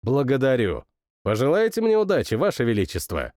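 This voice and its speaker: A man voicing a restrained, quietly ironic young courtier who speaks low and even. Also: a little fast, no room sound, studio quality. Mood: wry. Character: dry, sardonic young male courtier, the narrator.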